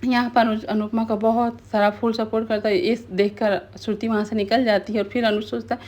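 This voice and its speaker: A woman's voice: on the high side, level tone, brisk, darkish tone. A woman casually retelling the events of a TV serial episode, talking steadily with colloquial asides. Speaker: TV serial recap narrator. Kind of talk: casual storytelling recap.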